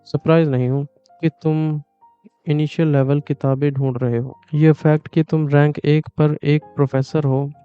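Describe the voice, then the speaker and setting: A man's voice: a little high, flat delivery, measured pace, clean tone, close to an everyday voice. A man putting on a sneering young woman mage. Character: mocking red-haired young woman mage, scornful. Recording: dull lo-fi with music behind.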